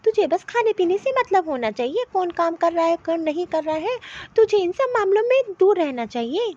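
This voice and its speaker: A woman's voice: very high voice, very animated, moderate pace, darkish tone, highs cut off. A woman voicing a kindly middle-aged mother-in-law in a cartoon, speaking affectionately. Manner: affectionate, soothing. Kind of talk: Hindi cartoon voice acting.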